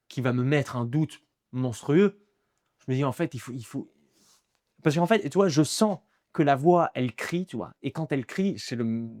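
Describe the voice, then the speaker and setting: A man's voice: medium pitch, darkish tone, no echo. Hesitant young man, dry close sound. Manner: hesitant, many restarts and repeated words. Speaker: guest, aspiring comedian. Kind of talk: casual interview chat.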